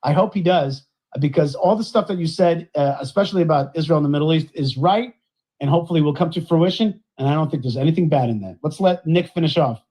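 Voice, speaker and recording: A high-pitched man speaks. He comments effusively, repeating his phrases and dropping in Yiddish words. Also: fast, dark tone. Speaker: rabbi commentator.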